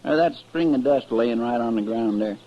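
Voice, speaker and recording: An actor playing a folksy, plaintive young cowboy sidekick with a rural Western American drawl, in the style of an old-time radio western. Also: male voice, medium pitch, normal speed, lightly acted. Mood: folksy, curious. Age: young adult. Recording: dull vintage AM radio recording.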